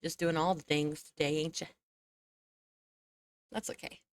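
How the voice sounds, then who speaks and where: Yawning and drowsy, this female VTuber talks in a relaxed, chatty way with viewers during a game stream and laughs a lot. She speaks fairly quickly in a low-sitting voice, recorded dry.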